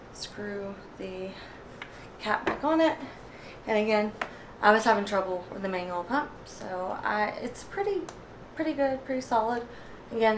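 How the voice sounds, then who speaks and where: A woman vlogger talking casually through a repair demonstration, out of breath from working a hand pump and filling pauses with ums. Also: mid-range voice, noisy background. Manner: chatty, many ums, pauses while pumping.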